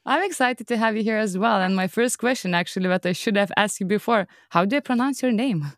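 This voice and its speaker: A woman's voice: mid-range voice, fast talker, dry recording, clean studio sound. A woman hosting a podcast, opening with scripted, upbeat introductions and then asking questions in a conversational interview. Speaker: podcast host.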